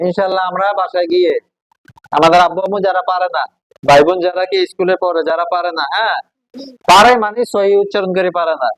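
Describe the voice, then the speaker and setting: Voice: mid-range voice, fairly even intonation, fast, dry recording, low-quality recording. A Quran teacher, patiently drilling a class on letter sounds and asking them questions. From Bangladesh. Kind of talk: classroom call-and-response drill.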